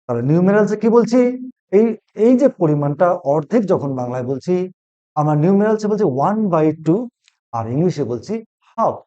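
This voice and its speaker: Man teaching English in a lively, questioning voice. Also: high-pitched, moderate pace. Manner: asks and repeats questions to the class. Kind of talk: classroom lesson. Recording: dull lo-fi recording.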